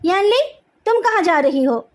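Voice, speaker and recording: A woman's voice: very high voice, expressive, normal speed, voice pushed up. A woman voicing an angry, controlling middle-aged mother who scolds her daughter, in a fan story read aloud. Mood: angry scolding. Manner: scolding, raised voice.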